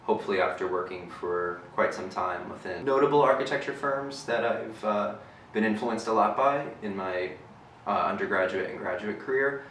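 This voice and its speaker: A young man, an architecture student, answering in a formal, deliberate way. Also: fairly low pitch, fairly bright tone, a little hiss or hum. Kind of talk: prepared interview answers. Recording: echoey room, distant mic.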